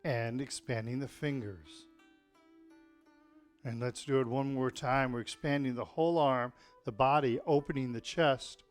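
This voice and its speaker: A man teaches a tai chi class in an informal, explanatory and encouraging way, often checking in with his listeners. His mid-range voice is steady in tone and a little slow, with soft music playing in the background.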